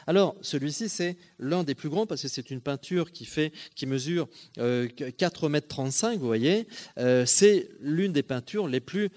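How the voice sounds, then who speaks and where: A man's voice: a little high, lively intonation, unhurried, a little mellow. A man giving a slide lecture on art history, talking in a digressive way with frequent hesitations and self-corrections, often turning to the audience to check they follow. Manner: addresses audience directly, checking understanding.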